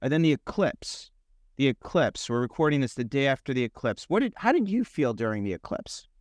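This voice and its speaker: A middle-aged man hosting a podcast, telling a personal story in a rambling, animated way with many restarts. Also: medium pitch, brisk, no echo, studio quality. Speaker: podcast host. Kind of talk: casual conversation.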